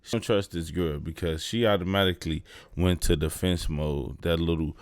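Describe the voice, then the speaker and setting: A man with a deep, low voice hosts his own commentary show. He talks to his viewers in a relaxed, conversational way. The sound is dry and close, with no room around it. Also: moderate pace, no echo. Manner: laid-back, conversational, addresses viewers directly. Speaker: host. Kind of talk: casual commentary on a clip.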